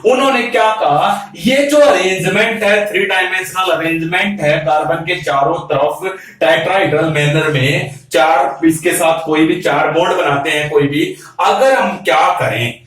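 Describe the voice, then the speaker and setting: A man's voice: on the high side, unhurried, a bit bright. Male chemistry teacher lecturing, rhetorical questions, distant mic in a reverberant classroom. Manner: keeps asking rhetorical questions and answering them himself; calls students "beta". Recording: very echoey room, mic far off.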